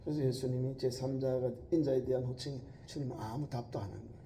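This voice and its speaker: A man, preaching a sermon as pastor. He moves between loud, emphatic quoted lines and low, quiet asides. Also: fairly even intonation, quick pace, a little hiss or hum.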